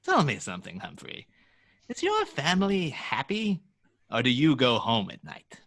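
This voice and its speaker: A man's voice: mid-range voice, huge pitch swings, normal speed, fairly bright tone, exaggerated voice. A man acting a gleefully menacing villain boss in a script read, theatrical and taunting. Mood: mocking. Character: the Joker, gleefully menacing adult male crime boss villain.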